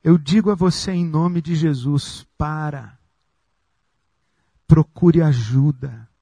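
Slow, dark-voiced preaching pastor, a man. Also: on the high side, gravelly, husky, no room sound. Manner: slow, emphatic preaching with long pauses. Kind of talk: sermon.

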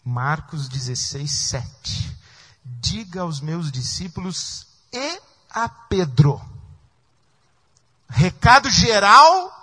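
Bright, high-voiced preacher man. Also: slightly rough. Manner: emotional, acts out quoted voices with rising pitch. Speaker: pastor. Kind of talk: sermon.

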